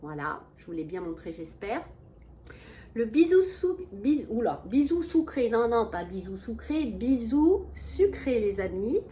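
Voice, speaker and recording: A woman's voice: medium pitch, sing-song, measured pace, dark tone. A woman chatting casually to her viewers in a product review vlog, enthusiastic and full of fillers and restarts, seated at a small table. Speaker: beauty vlogger. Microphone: camera mic at a small table.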